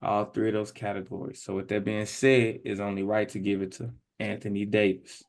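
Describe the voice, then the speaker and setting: A hoarse man co-hosting a sports podcast, talking in a loose, slangy and emphatic way. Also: lowish voice, little pitch movement, a little fast. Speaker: podcast co-host. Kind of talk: casual sports chat.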